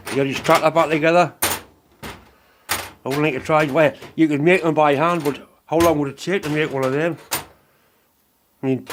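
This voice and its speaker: A man hosting a workshop channel films a casual vlog in his home workshop while full of a cold. His voice is on the high side, and he talks plainly, bluntly and chattily over a noisy background.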